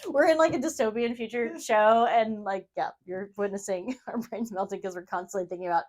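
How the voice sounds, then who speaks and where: Woman crafting host, casual, rambling, self-deprecating, mid-pitched voice. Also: brisk, a little mellow. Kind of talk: casual brainstorming chat while sewing.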